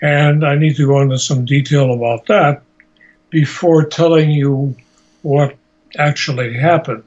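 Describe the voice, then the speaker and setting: In this dull, lo-fi amateur interview, an eighty-year-old man recounts his life as a Holocaust survivor from Slovakia and Hungary who later settled in the United States. His voice is on the high side and a little mellow, with fairly even intonation. He talks slowly, pausing deliberately as he hunts for the right words.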